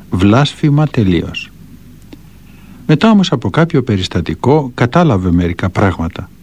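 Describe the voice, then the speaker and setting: A man's voice: medium pitch, darkish tone. A man reading spiritual anecdotes and counsel aloud, with a storytelling delivery. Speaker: reader of a monk's teachings.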